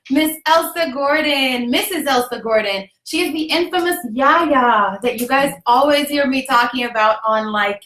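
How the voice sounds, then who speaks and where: A woman's voice: sits high, sharp tone. Upbeat chatty woman in an echoey room. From Jamaica. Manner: upbeat, chatty, laughs often. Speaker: host. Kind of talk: casual livestream chat.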